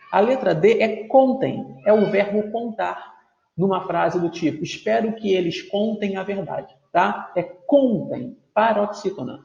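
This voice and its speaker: A man's voice: high voice, gravelly, a little mellow. A man teaching a grammar video lesson, explaining patiently, drawing out words syllable by syllable and checking in often with his students. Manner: explanatory, drawn-out spelling of words; frequent checking tags like "tudo bem?". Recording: echoey room, dull lo-fi sound.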